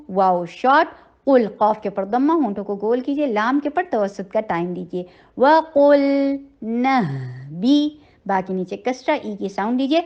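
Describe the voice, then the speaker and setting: Brief: woman, recitation teacher, slightly high voice, slow measured recitation, gentle instruction, muffled lo-fi sound. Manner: slow drawn-out recitation between patient spoken instructions; gentle, encouraging. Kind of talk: tajweed lesson, recitation with explanation.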